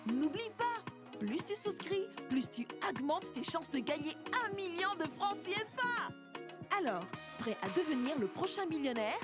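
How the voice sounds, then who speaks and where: A woman reading an upbeat scripted advertisement with bright, emphatic selling. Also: extremely high pitch, very animated, a little slow. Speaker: ad announcer. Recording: loud music bed behind voice.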